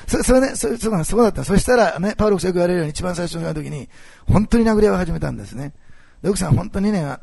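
A male pastor delivering a sermon in a heavily gravelly, husky voice. He talks fast and his pitch leaps around, with sudden loud bursts and hushed asides. The sound is dry and close. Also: dry recording. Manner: animated, swings between loud and hushed. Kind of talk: sermon with storytelling.

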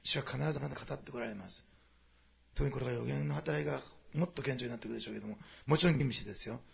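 A man preaching a sermon to a congregation, moving quickly between quiet storytelling and loud, animated passages. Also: mid-range voice, vocal fry. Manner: fast, animated preaching that swings from hushed asides to loud climaxes. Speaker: pastor.

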